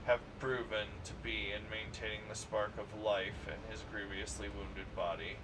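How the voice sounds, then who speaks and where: A man streaming a game, reading its narration in a plain, steady way. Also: fairly low pitch, moderate pace. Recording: distant mic with clear background noise.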